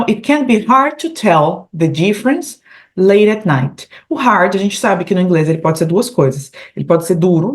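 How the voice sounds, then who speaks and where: A Brazilian woman with a Brazilian Portuguese accent, teaching English in an online lesson. She explains patiently, repeats English phrases slowly and often adds "né?" and "tá?" at the end of her phrases. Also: on the low side, darkish tone.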